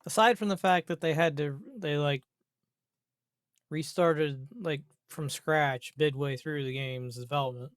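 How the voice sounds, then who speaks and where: A man's voice: fairly high pitch, a little slow, no echo, studio quality. A man delivering an unscripted, exasperated gaming rant, grumbling and swearing, with emphatic repetition and rhetorical questions. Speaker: gaming commentator. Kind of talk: unscripted rant about a video game.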